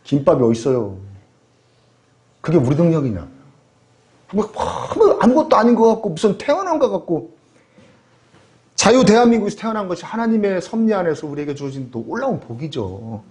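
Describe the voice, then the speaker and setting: A man's voice: high-pitched, big pitch swings, brisk, pauses often, darkish tone. A man preaching a sermon as pastor, telling stories animatedly and throwing rhetorical questions to the congregation.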